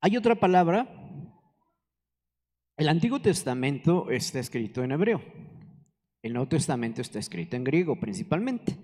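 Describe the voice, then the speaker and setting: A man's voice: on the high side, very animated, moderate pace, pauses often, darkish tone. A man, preaching a conversational sermon and asking the congregation questions. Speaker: pastor. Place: church hall. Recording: reverberant church hall.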